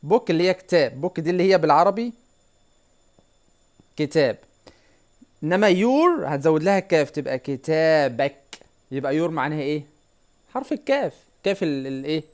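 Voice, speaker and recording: A man with an Egyptian Arabic accent teaching a whiteboard English lesson, repeating words slowly and quizzing the viewer. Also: fairly high pitch, big pitch swings, darkish tone.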